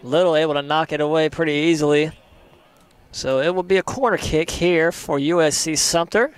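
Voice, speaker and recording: Smooth-voiced male soccer commentator. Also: on the high side, moderate pace. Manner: steady play-by-play, rising sharply on chances. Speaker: play-by-play commentator.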